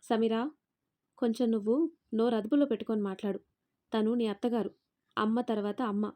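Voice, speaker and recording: A proud married daughter, as a woman storyteller puts her on, reproachful and commanding as she scolds. The voice is fairly high and mellow in tone. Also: fairly even intonation, brisk, lightly acted.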